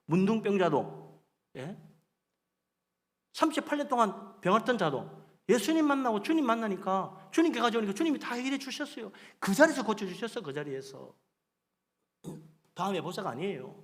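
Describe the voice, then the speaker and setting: High-voiced preaching man in echoing sanctuary. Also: moderate pace. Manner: animated preaching, acts out boastful people in quoted asides; keeps prompting the congregation with "예?". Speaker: pastor. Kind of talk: sermon. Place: church sanctuary. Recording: long hall reverb.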